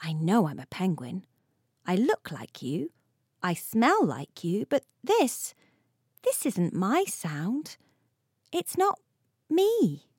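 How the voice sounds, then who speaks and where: A woman's voice: mid-range voice, wildly swooping pitch, slow pace, pauses often, darkish tone, slightly rough, no room sound, studio quality, heavily acted. A woman voicing a little young female penguin in a storybook, with a bouncy, sing-song way of chanting. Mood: upset.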